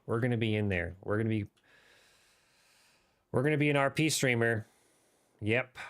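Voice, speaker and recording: A man livestreams a game, chatting casually and riffing off the cuff in a rambling way. His voice is medium-pitched and his pace moderate.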